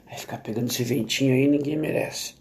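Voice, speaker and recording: A Brazilian man talks through a slow, casual vlog at home. His voice sits in an ordinary middle pitch. He rambles, restarts his sentences and keeps checking in with his listener. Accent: Brazilian Portuguese. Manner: rambling and halting, with many restarts and tag questions. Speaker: vlogger. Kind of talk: casual monologue to camera.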